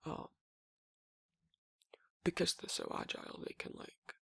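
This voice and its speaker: In an intimate ASMR roleplay, a man voices a gruff, laid-back werewolf boyfriend with a husky, gravelly voice that is also a bit bright, speaking in a halting, rambling, casual way as he explains and reassures. The acting is light, and the clean studio recording has no room sound.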